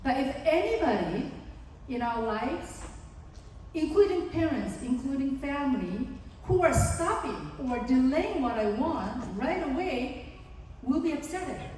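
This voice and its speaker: A Korean-accented woman psychologist gives an earnest, explanatory seminar to parents in a large conference hall, acting out examples. Her voice sits high, is expressive and darkish, and she keeps a measured pace. The recording is distant and echoey, with slight background noise.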